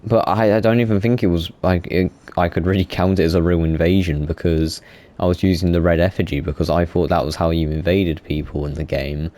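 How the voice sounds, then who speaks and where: Talking casually about video games, this young YouTuber rambles, self-corrects and leans on fillers. He has a low, warm voice with a steady tone and a slightly fast pace.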